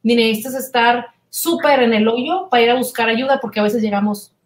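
A woman's voice: fairly high pitch, brisk. Chatty Mexican woman in a roomy space. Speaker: psychology student. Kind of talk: casual conversation. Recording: roomy echo.

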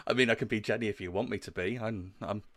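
A man's voice: on the low side, fast talker, fairly bright tone. A man co-hosting a podcast with casual, jokey, informal banter. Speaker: podcast co-host.

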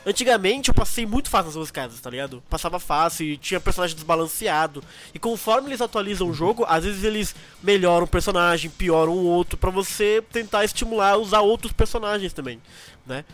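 A man's voice: high voice, expressive, fast, a bit bright, faint music behind. A young man with a Brazilian Portuguese accent, chatting casually in a slangy, enthusiastic way as a podcast co-host. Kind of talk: casual chat.

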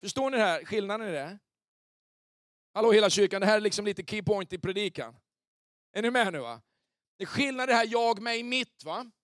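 A male pastor preaching an animated sermon in a church, often checking if the congregation is with him. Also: sits high, no room sound, clean studio sound. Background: soft keyboard pads.

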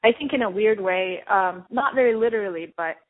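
A woman from Turkey talks through her answers in a reflective, unhurried interview voice, pausing on fillers and laughing lightly between thoughts. Her pitch sits mid-range for a woman. The sound is squeezed and narrow, much like a phone line. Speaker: artist and guest.

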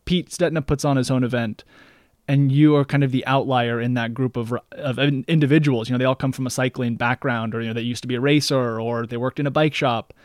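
A man hosting a podcast, his voice in an ordinary middle pitch. He talks in a chatty, meandering way. The sound is dry and close, with no room echo. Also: steady tone, fairly quick. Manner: chatty, meandering questions full of "you know". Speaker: podcast host. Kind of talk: casual interview.

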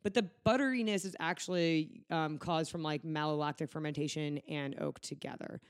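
A man's voice: fairly high pitch, moderate pace, clean tone, no echo, studio quality. A man co-hosting a podcast in casual chat, rambling with joking asides. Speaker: podcast co-host.

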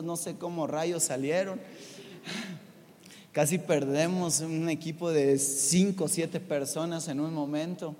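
A man preaching a sermon, telling a personal story in an animated way and putting questions to the congregation. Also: on the high side, in a large hall. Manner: animated, addresses the audience with questions.

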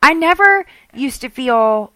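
A woman with a Southern accent tells a story in casual conversation, slipping into the voices of the people she describes. Her voice sits a little high and has a bright, sharp edge. The sound is dry and close. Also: slow pace, no room sound. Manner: animated, mimics people in her stories.

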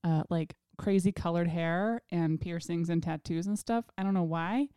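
A woman's voice: fairly low pitch, normal speed, dark tone, clear, resonant tone, no room sound, clean studio sound. A woman in her thirties co-hosting a podcast, bantering bluntly and laughing often. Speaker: podcast co-host. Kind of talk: casual chat.

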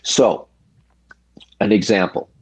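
An older man, a retired hockey referee, telling stories from his career in a casual interview, measured and reflective, in short pausing phrases. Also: lowish voice, steady tone, a little mellow, slightly rough, no echo.

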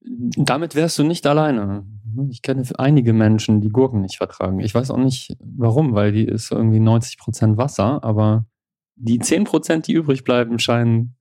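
A man with a German accent co-hosting a podcast in casual chat, relaxed and joking. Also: mid-range voice, moderate pace, no room sound, clean studio sound. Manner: joking, relaxed, laughs often. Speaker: podcast co-host.

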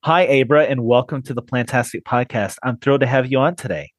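A man's voice: medium pitch, fast talker, over loud music. A man from Tennessee with a Tennessee accent, chatting as a podcast host with a guest. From Tennessee, USA. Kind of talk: friendly interview chat.

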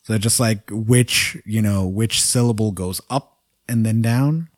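A man's voice: lowish voice, measured pace, no room sound, clean studio sound. A man co-hosting a casual podcast, chuckling at his own jokes and stumbling over foreign words. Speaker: podcast co-host.

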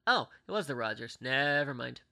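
A man's voice: mid-range voice, animated, normal speed, vocal fry, bright, forceful tone. A man from Pittsburgh, an organist, chatting casually in a conversation, hesitant with many fillers and restarts. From Pittsburgh, USA. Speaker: organist guest.

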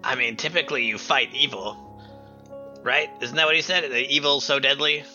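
A man's voice: medium pitch, moderate pace, pushed and bright. A man chatting casually as a player in a tabletop role-playing game. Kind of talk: casual role-play chat. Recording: dull lo-fi audio, faint music.

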